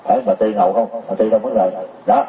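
A man's voice: lowish voice, level tone, fast talker, warm tone, a little hiss or hum. A man giving a Buddhist sermon, pressing his listeners with rhetorical questions and often laughing as he talks. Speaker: Buddhist teacher. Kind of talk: sermon to a congregation. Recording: roomy, distant mic.

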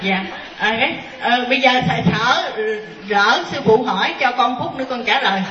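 A fairly high-pitched woman, a Buddhist nun, tells her story in a chatty, halting way, often with a laugh. The voice is picked up from a distance and rings through a roomy hall. The sound is somewhat dull. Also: lively intonation, a loud crowd. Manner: chatty, hesitant restarts, laughs as she tells it. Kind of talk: storytelling in a question-and-answer session.

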